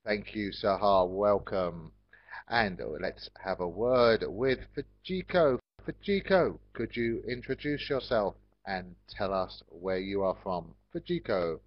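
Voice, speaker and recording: A low-voiced man from England teaches an online class very slowly, speaking to learners in simple, measured phrases with a polite, encouraging manner. The lo-fi call audio is very dry, with no room sound.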